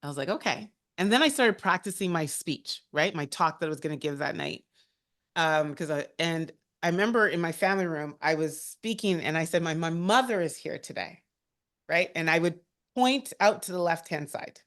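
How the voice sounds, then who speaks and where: A woman speaking as a guest on a career talk, telling personal stories in an animated, heartfelt and chatty way. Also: sits low, a little fast.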